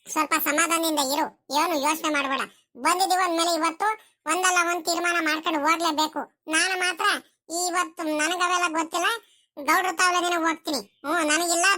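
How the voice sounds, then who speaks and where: A woman's voice: very high-pitched, pushed and bright. A woman voicing a stubborn young village woman in a cartoon, firm and insistent.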